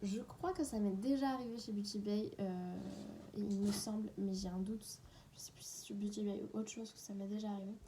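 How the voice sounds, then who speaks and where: A woman's voice: medium pitch, fairly even intonation, fairly quick, warm tone, a little hiss or hum. A woman in a casual, unedited beauty haul, chatting away and often dropping into a half-whisper. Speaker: beauty vlogger.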